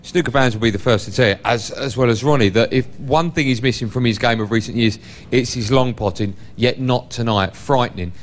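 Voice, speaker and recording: A man's voice: medium pitch, brisk, hardly any pauses, slight background noise. Male sports presenter with music behind. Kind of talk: studio presenting.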